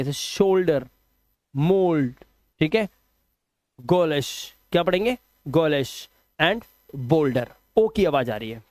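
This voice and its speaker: Man, English teacher, high voice, dry close sound, drills pronunciation rules, scolding. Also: no echo. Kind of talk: phonics lesson.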